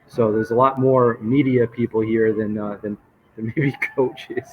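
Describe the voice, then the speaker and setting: A man's voice: medium pitch, steady tone, measured pace. A man talking casually as a sports reporter being interviewed live from a hotel lobby restaurant. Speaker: sports reporter, guest on a show. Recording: muffled, noisy hotel lobby ambience. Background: hotel lobby noise.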